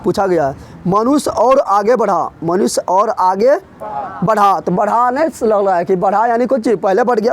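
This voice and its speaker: A man teaching a grammar revision lesson in a classroom, drilling his students with quick repeated questions. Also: high voice, a little hiss or hum.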